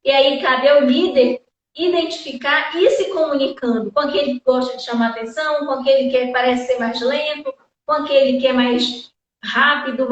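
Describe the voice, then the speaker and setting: A woman hosting a live chat in an effusive, rambling, thankful way, heard from a distance. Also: high-pitched. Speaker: live-stream host. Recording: echoey, distant, dull sound.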